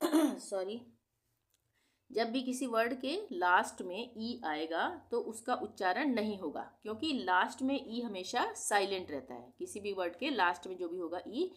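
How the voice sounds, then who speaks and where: A woman teaching English pronunciation rules, patiently repeating each example word slowly. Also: mid-range voice, lively intonation. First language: Hindi. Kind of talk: explaining English spelling rules.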